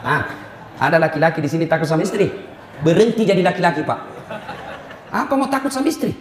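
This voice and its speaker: A man preaching a humorous sermon, teasing the audience with sudden shouts. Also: a little high, sing-song, fast. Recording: roomy hall, faint ambience.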